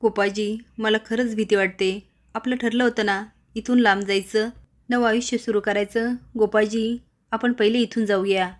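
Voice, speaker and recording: A woman's voice: medium pitch, steady tone, moderate pace, natural voice. A woman voicing a frightened young woman who keeps pleading with her companion. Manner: pleading, anxious.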